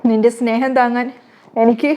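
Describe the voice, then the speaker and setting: A woman's voice: a little high, flat delivery, normal speed, warm tone, lightly acted. A woman voicing a middle-aged mother who holds back tears and keeps secrets, speaking firmly to her daughter-in-law. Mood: tearful. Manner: tearful, then firm and dismissive. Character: grieving middle-aged mother, secretive, loving yet stern.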